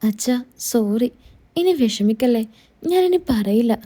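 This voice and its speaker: A woman narrating a story takes on the role of an apologetic young daughter-in-law, caring and affectionate as she soothes. She speaks slowly but animatedly, her fairly high, mellow voice coaxing and reassuring.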